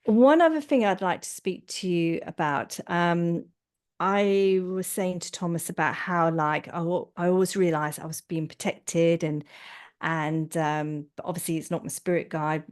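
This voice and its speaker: A woman's voice: on the low side, measured pace. Enthusiastic rambling English woman host. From England. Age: middle-aged. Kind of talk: casual chat.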